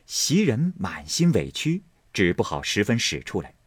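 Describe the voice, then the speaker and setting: A man narrating a classic novel in an expressive audiobook reading. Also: fairly low pitch, unhurried, slightly rough, dry recording, studio quality. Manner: expressive storytelling, voicing each character.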